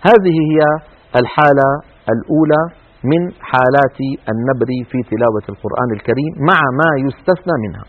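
A man teaching Quran recitation rules in a televised lesson, explaining step by step and demonstrating with drawn-out recited words. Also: mid-range voice, expressive, narrow, tinny audio.

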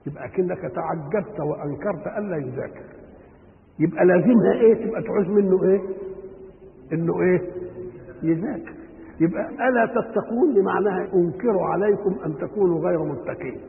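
A man's voice: high-pitched, gravelly. Fields: Sex: man. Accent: Egyptian. Style: religious lesson. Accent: Egyptian Arabic. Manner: poses rhetorical questions and answers them himself. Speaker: religious teacher. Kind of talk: Quran commentary lesson. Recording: tinny lo-fi recording with long hall reverb.

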